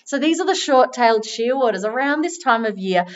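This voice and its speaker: A woman's voice: fairly high pitch, brisk, muffled recording. Chatty woman presenting a wildlife stream. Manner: chatty, bursts into excited exclamations. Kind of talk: live wildlife commentary.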